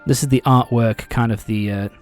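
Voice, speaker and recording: A man's voice: mid-range voice, fairly even intonation, moderate pace, a little mellow. Man, let's play host, casual game commentary, rambling, swearing, faint music behind. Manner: rambling, swearing, chuckling, many fillers.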